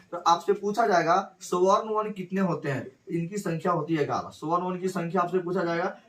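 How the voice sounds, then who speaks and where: A male teacher giving a grammar lesson, repeating phrases slowly and asking and answering his own questions. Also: high-pitched.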